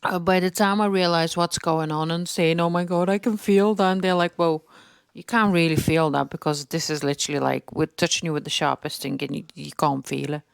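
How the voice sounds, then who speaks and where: A woman's voice: sits low, brisk, gravelly, smooth, no echo. A young woman, a new mother, animatedly recounting her birth story in a casual vlog chat. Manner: animated retelling, acts out quoted lines.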